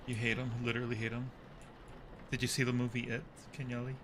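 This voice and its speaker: While playing a horror game on a livestream, a male host cracks jokes and exclaims or yelps when something startles him. His medium-pitched voice is flat and quick. Background noise is clearly audible.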